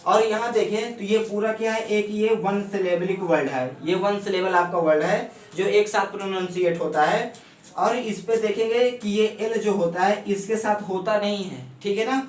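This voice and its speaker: A man teaching shorthand step by step, explaining at a board in speech and often asking if it is clear. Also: sits high, normal speed. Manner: steady, repeats "ठीक है ना" often. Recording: echoey room, mic far off, faint hum.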